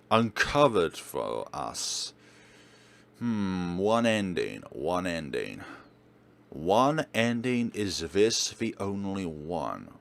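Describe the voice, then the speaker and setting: A man with a fairly low, creaky voice hosts a let's play of a visual novel. He narrates and comments in a theatrical, emphatic, dramatic way.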